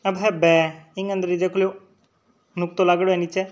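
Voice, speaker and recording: A man's voice: high voice, little pitch movement, moderate pace, highs cut off. A man with a Rajasthani accent teaching an exam-prep lecture, sounding out letters and often checking in with his students. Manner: drills sounds aloud, checks in with "theek hai" often.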